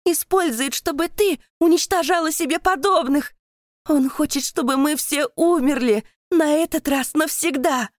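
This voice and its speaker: A woman voicing a desperate female monster who was once a girl, shouting in frantic pleas. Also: high-pitched, normal speed, dry recording, clean studio sound, pitched above the performer's own voice, natural voice. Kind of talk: audiobook character voice.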